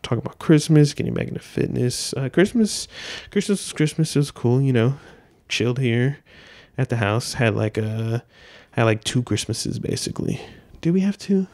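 Young man, gravelly voice, dry close handheld mic, laid-back rambling podcast talk, lots of fillers. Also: medium pitch, animated, moderate pace, darkish tone, no room sound. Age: 20s. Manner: laid-back, loose and meandering, frequent filler words and swearing. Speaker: podcast host. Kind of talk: casual solo rambling podcast. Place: small room at home, seated by a door. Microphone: handheld dynamic mic, wearing headphones.

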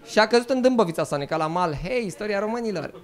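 A man on stage doing a stand-up comedy set, his voice swinging widely in pitch as he mocks and jumps into quick character voices. His pitch sits a touch high for a man. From Romania. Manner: animated, mock-outraged, slips into quick character voices. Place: live comedy venue.

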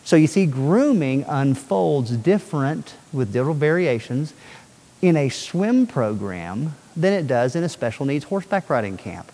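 A middle-aged man giving an energetic talk to an audience and often checking that they follow him. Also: on the high side, measured pace. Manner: animated, asks the audience questions often. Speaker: speaker on child safety. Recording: long hall reverb.

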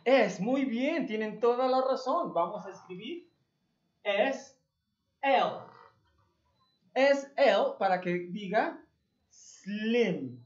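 A woman's voice: a little high, expressive, drawn-out words, long pauses. A woman from Mexico with a Mexican Spanish accent, teaching English to young children. She spells words out letter by letter and praises her pupils, calling them "hijos". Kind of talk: remote lesson for young children. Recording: roomy, dull lo-fi home recording.

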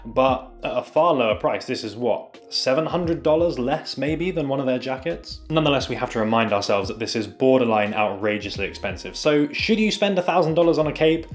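A man's voice: medium pitch, animated, a little fast, hardly any pauses, soft background music. A man chatting upbeat and casual as he reviews a product straight to his viewers. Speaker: fashion reviewer.

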